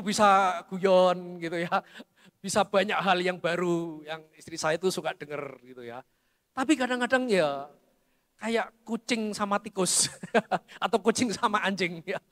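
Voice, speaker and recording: A middle-aged man preaches a sermon in a high, bright voice. He speaks to the congregation directly and tells homely stories with humor. The long reverb of a large church hall trails after his words. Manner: addresses the congregation as "saudara", storytelling with humor. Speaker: pastor.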